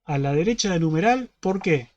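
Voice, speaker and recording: A man's voice: a little high, expressive, moderate pace, highs cut off. A man with a Rioplatense Spanish accent teaching an online class. He explains step by step and keeps checking that students follow. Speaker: university teaching assistant.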